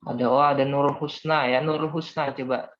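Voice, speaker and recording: A man's voice: medium pitch, fairly even intonation, brisk. A young man teaching a class, patiently explaining step by step and calling on students. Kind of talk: online class lesson. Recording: dull lo-fi audio.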